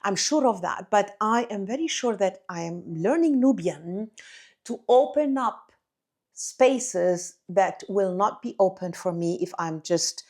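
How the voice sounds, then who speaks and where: Speaking straight to her audience, this Arabic-speaking spiritual teacher from Egypt delivers a rolling, incantatory monologue, calling listeners beloved. Her voice is mid-pitched for a woman, expressive and unhurried with a darkish tone, and she piles up phrases while leaning heavily on "you know, like."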